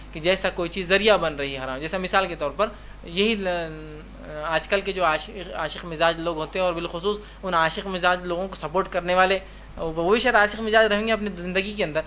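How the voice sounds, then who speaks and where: Forceful-voiced man giving a religious lecture. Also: high voice, slight background noise. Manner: conversational, with rhetorical questions and repeated reminders. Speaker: Islamic lecturer.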